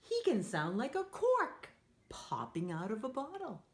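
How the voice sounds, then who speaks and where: Reading stories aloud to young children, this woman speaks a little slowly in a voice on the high side. Her manner is playful and animated; she encourages the kids, asks them to join in, and performs sound effects.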